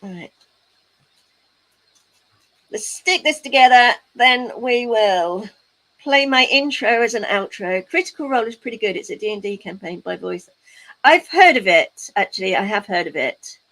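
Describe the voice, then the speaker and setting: On a poorly recorded crafting stream, a woman with a fairly high, fairly bright voice talks at a normal speed, sounding animated. She playfully teases her viewers and reads out their chat while she crafts.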